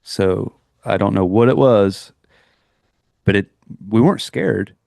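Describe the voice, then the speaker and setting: A man's voice: lowish voice, slow pace, gravelly, a little mellow, no echo, clean studio sound. A middle-aged man co-hosting a podcast, telling a personal story in a rambling, earnest way with many restarts. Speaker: podcast co-host. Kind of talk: casual chat, storytelling.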